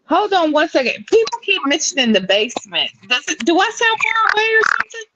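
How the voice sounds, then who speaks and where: A woman co-hosting a casual chat over a thin, tinny phone line with no bass. She is playful and laughs often. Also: sing-song, pushed and bright. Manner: playful, laughs often, drawn-out teasing replies. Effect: thin tinny phone-line sound with no bass. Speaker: podcast co-host.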